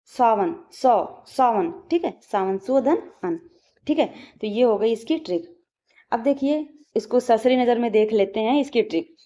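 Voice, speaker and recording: A woman teaching a grammar lesson for exam preparation, patient and repetitive, drilling examples slowly and checking in often. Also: on the high side, warm tone, muffled recording.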